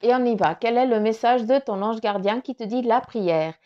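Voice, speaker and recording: A woman's voice: on the high side, normal speed. A woman giving a casual spiritual card reading, chatty and swearing freely, often dropping to a murmur. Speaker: card reader. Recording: dull lo-fi sound.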